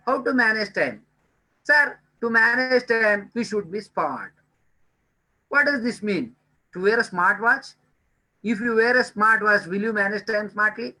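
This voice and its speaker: Male trainer, high bright voice, earnest lecturing, repeats points for emphasis. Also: a little slow, poor audio. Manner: addresses listeners as dear friends. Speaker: time management trainer. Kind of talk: webinar lecture.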